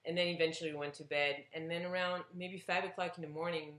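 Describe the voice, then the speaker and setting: A woman's voice: fairly low pitch, flat delivery, quick pace, fairly bright tone, roomy sound. A woman from Belgium chatting casually to camera, telling a personal story with lots of fillers and restarts. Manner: hesitant, rambling, with many fillers and restarts. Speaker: vlogger.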